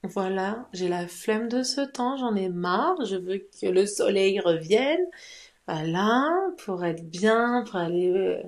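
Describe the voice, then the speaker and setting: A woman's voice: mid-range voice, lively intonation, slow pace. A woman co-hosting a podcast in casual chat. She is playful and laughs often. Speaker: podcast co-host.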